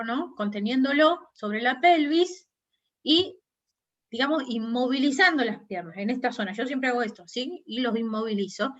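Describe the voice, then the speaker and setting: A woman's voice: on the high side, fairly bright tone, highs cut off. A woman with a Rioplatense Spanish accent teaching a nursing class, explaining step by step and often checking that students follow. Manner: explanatory, checks understanding with frequent tag questions. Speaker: nursing instructor. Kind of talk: online class lecture.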